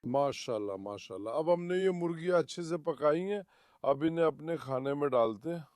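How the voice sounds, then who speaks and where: A man's voice: on the high side, a little fast, a little mellow, clean tone, no echo, clean studio sound. A man talking casually on his farm vlog, affectionately calling out to his dogs as if they were his children. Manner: affectionate, coos at his dogs and calls them his lions. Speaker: farm pet vlogger. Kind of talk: casual vlog talk to camera. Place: outdoors on a farm.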